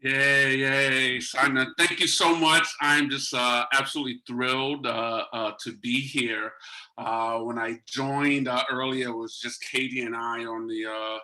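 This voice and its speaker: A man in his fifties, a guest author speaking to an online audience over a video call, talking earnestly with many pauses and fillers. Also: medium pitch, steady tone, sharp tone, poor audio. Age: 50s. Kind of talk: informal talk to an online audience.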